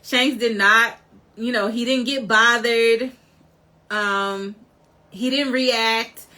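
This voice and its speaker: A woman chatting casually as a vlogger, rambling and animated and laughing often. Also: fairly high pitch, slow. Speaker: vlogger reviewing a series. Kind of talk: casual chat.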